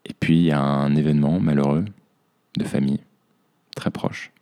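A young man with a very deep, gravelly voice and a dark, mellow tone. He hosts a podcast in a reflective personal monologue and looks back on hard months. He speaks to himself as "you". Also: level tone, moderate pace. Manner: introspective, addresses himself as "tu". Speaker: podcast host.

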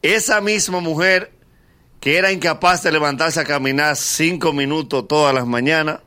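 A man delivers a comic monologue in a high, bright voice. He tells it with animation and keeps breaking into laughter at his own jokes. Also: moderate pace. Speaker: comedian leading the segment. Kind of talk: comedic monologue with banter.

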